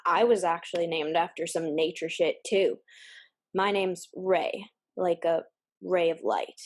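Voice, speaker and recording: A woman's voice: fairly low pitch, fairly even intonation, a little slow. A woman playing a blunt, sarcastic army recruiter. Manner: blunt, sarcastic, offhand swearing. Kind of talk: indie audio drama acting.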